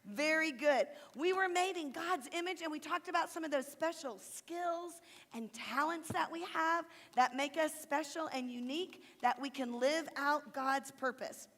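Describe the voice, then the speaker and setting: Woman children's ministry leader, high bright register, warm teacherly encouragement, in a long-echo church hall. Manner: encouraging, teacherly, slow deliberate recitation. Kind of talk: leading children in a memory verse with motions. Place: church sanctuary stage.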